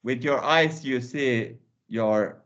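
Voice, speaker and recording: A man co-hosting a language show who slowly repeats words back and gives short answers. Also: mid-range voice, fairly bright tone, muffled recording. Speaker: co-host. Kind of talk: slow, casual discussion of word sounds.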